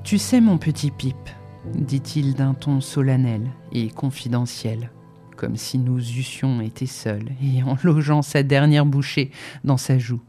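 A reader narrating a novel in a measured, even way. The voice is mellow and warm. Faint music runs underneath. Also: mid-range voice. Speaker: audiobook reader.

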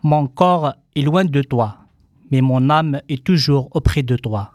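A man reading a letter aloud in a solemn, measured way. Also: mid-range voice, darkish tone, no room sound, studio quality. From Kabylie.

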